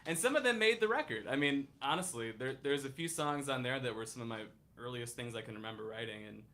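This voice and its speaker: A man of thirty talks casually about his music, hesitant and easygoing, often stopping to restart a thought. His voice sits at a middle pitch with a bright edge. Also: animated, fast. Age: 30s. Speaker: musician guest. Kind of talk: casual chat.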